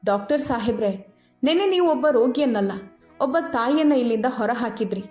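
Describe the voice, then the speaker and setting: A calm, wise old retired surgeon speaks in a quiet, measured, gently stern way, as a woman storyteller puts him on. His voice sits fairly high and rings in an echoey room over faint background music. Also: close to an everyday voice. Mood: urgent.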